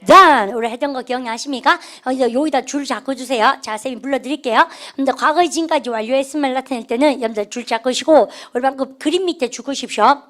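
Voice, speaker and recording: 여성, 높은 목소리, 영어 문법 강의, 구령에 맞춰 따라 말하게 함, 예문은 천천히. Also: female voice, high voice, fairly bright tone. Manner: call-and-response drilling, cues students with "시작" and says English sentences slowly. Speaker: English grammar teacher. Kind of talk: classroom grammar lecture.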